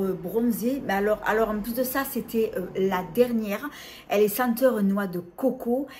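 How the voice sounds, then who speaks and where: A woman's voice: mid-range voice, dark tone. A middle-aged woman presenting a casual beauty haul, talking hesitantly with many fillers and restarts. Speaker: beauty vlogger.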